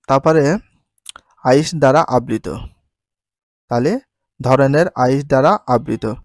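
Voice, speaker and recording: A male teacher with a Bangladeshi Bengali accent, drilling textbook science terms by asking questions and repeating each answer slowly. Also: medium pitch, darkish tone, dry recording. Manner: mixes English words into his teaching.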